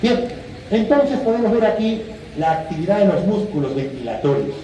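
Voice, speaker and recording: A male physiology lecturer who quizzes his students, sometimes acting out patients and students in a lively way. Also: high voice, normal speed. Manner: quizzes students with questions and answer options; animated, acts out patients and students. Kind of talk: classroom lecture. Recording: echoey room, distant mic, faint hiss.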